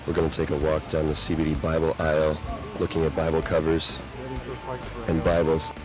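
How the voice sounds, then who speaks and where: A man's voice: rumbling low, monotone, normal speed, over music, low-quality recording. A man in his thirties hosting a walkthrough of a crowded warehouse sale, upbeat and salesy. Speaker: host. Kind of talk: event walkthrough and vox-pop interviews. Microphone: handheld mic.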